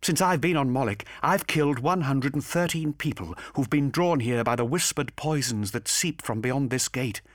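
A man's voice: mid-range voice, lively intonation, normal speed, hardly any pauses, no room sound, studio quality, voice pushed up, close to an everyday voice. A man voicing a fierce young woman agent who speaks in a clipped, defiant way. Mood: angry.

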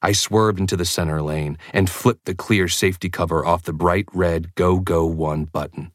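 A man with a very low voice narrating an audiobook in the first person. His delivery is measured and intense, and the recording is dry and close, with no room sound. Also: fairly even intonation, no room sound.

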